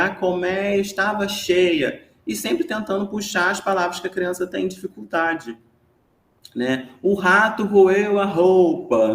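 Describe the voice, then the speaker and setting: A man's voice: on the high side, echoey room. A man with a Brazilian Portuguese accent giving an explanatory online lesson, chatty and full of tag questions. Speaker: teacher giving an online class.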